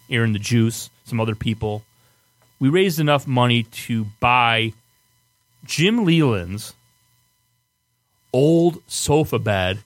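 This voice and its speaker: A man's voice: mid-range voice, fairly bright tone. A man with a Michigan accent hosting a podcast, telling stories casually in a profane, exasperated manner. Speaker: podcast host. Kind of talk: casual storytelling banter.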